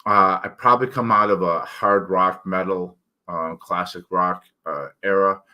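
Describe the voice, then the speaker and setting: A middle-aged man speaks in a low, steady voice at a slightly slow pace, and the high frequencies are cut off. His articulation is thick, a bit slurred and tongue-heavy. He's an author hosting his own channel, delivering a candid, rambling, self-deprecating monologue.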